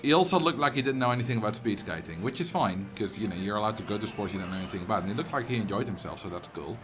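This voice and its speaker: Rapid-fire and animated, a lowish male voice with a Dutch accent carries on a rambling, chatty livestream, fielding viewers' messages between gameplay. Game music plays in the background.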